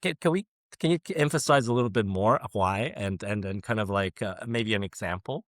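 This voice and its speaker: A man hosting a casual interview podcast, friendly and halting, with lots of uh fillers and restarts. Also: fairly low pitch, dry recording, clean studio sound. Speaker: podcast host, fund founder.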